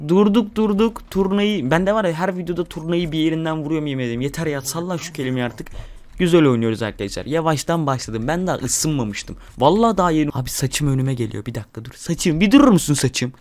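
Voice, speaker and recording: A young man hosting a gaming channel, giving excitable live commentary while he plays, swearing and talking to his viewers. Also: on the high side, fast.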